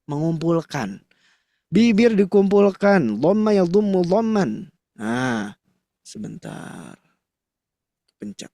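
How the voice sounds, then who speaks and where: A man teaching Quran reading in an online class, demonstrating mouth shapes and chanting syllables in a casual, lively way. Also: on the high side, slow, pauses often, no room sound, clean studio sound. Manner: addresses the mothers in class warmly and casually.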